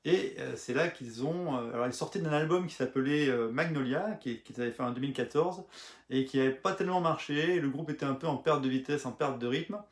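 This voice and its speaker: A man talking casually about an album as a music blogger, pausing often with filler sounds and restarting his sentences. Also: medium pitch. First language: French. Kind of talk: casual spoken album review. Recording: echoey room.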